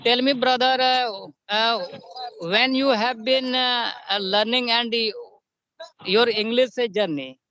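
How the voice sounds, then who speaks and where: A man's voice: extremely high pitch, slow, sharp tone, dry recording. A man in his fifties with an Indian accent, a Hindi speaker chatting in broken English with many hesitations and repeats. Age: 50s. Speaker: primary school teacher, English learner. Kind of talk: casual spoken-English practice chat. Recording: dull lo-fi online call.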